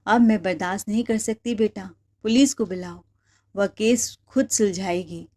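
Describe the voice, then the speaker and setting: A woman's voice: mid-range voice, dark tone, close to an everyday voice. A woman voicing an elderly mother-in-law who insists her daughter-in-law is a thief, in a complaining, insistent way.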